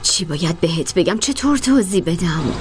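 A bossy, blunt woman in a dubbed film drama, voiced by an actress. Her voice moves lively up and down as she gives orders. Loud traffic noise runs behind her. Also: lowish voice, lightly acted.

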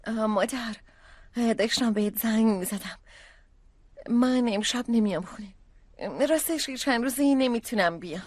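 A woman's voice: fairly high pitch, darkish tone, lightly acted. A woman playing an evasive young daughter. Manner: hesitant, evasive. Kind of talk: dubbed drama acting.

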